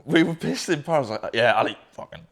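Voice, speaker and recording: A man's voice: mid-range voice, animated, a little fast, creaky, fairly bright tone. A young man in candid conversation with his business partner, rambling with many fillers and casual swearing.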